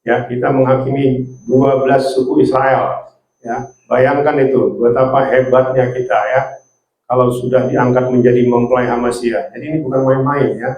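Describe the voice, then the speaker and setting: A man preaching a sermon, often ending his phrases with a soft "ya". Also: mid-range voice, flat delivery, normal speed, echoey room, muffled recording. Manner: repetitive, ends phrases with "ya".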